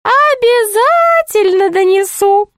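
Sly, sweet-voiced male jester, played by a woman, squeaky and drawn-out, for a dry close storybook read. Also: lively intonation, a bit bright, no room sound, exaggerated voice.

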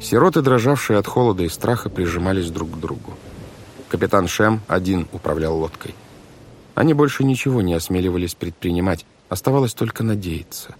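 A man narrating an audiobook in a measured, expressive storytelling manner. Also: deep voice. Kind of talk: scripted narration. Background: music.

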